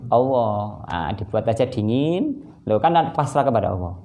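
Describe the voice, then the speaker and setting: A man's voice: lowish voice, normal speed. A man preaching a casual Islamic sermon over a phone livestream. He speaks Indonesian with a Javanese accent, acts out dialogue and chuckles at his own asides. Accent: Javanese-influenced Indonesian. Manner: animated storytelling, acting out dialogue, chuckling asides.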